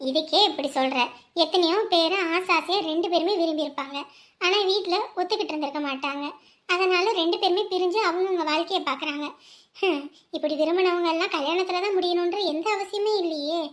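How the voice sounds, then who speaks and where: A woman playing a blunt, sharp-tongued young woman who scolds her friends and strangers. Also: very high-pitched, fairly quick. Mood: firm comforting. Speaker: outspoken friend. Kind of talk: web series acting.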